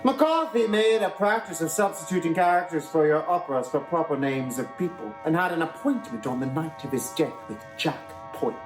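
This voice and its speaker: A man playing a sharp Victorian detective who questions people in a crisp, pointed manner. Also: on the high side, expressive, moderate pace, few pauses, music in the background, natural voice. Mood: pressing. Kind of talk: amateur online musical reading.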